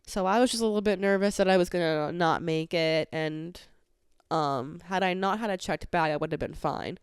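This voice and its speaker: A woman podcast host chats through a story in a loose, filler-heavy way, her voice a touch lower than most and smooth and clean. The sound is dry and close, with no room around it. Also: normal speed, no room sound. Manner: chatty, many filler "like"s, exasperated retelling. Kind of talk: casual storytelling monologue.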